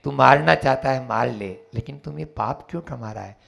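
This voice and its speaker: A man voicing a calm, serene male monk who speaks softly and slowly. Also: medium pitch, gravelly, pitched below the performer's own voice. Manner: soft, slow and calm.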